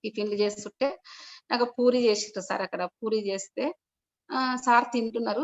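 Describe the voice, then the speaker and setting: A woman's voice: on the high side, fairly even intonation, fairly quick. A middle-aged woman shares her meditation experience, telling the story in a rambling way with frequent restarts and repeated polite address. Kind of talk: personal testimony told to an online meeting. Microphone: video call. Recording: dull lo-fi video call audio.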